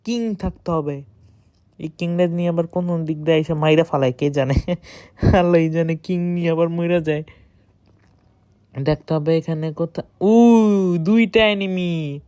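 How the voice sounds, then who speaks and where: A woman gives excited, boastful running commentary while playing a shooter game, speaking close to the mic. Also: fairly low pitch, no room sound. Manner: excited, boastful self-talk. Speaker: gamer streamer. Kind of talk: live gameplay commentary.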